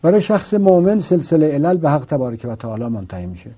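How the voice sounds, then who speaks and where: Teacher, male, very dark and husky voice, lively pitch, didactic and argues by rhetorical questions. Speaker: religious philosophy teacher. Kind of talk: didactic philosophical explanation.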